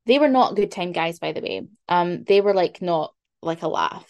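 A young woman co-hosting a chatty podcast, reading out history notes at a relaxed pace. She swears casually, trips over big words and laughs at herself. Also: lowish voice, moderate pace, highs cut off. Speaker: podcast co-host.

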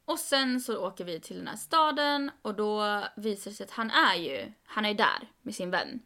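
A young woman tells a long story in casual podcast chat. She acts out what others said with rising emphasis, and her voice has a gravelly fry at a middle pitch. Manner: animated, quoting others with "jag bara" and rising emphasis. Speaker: podcast co-host.

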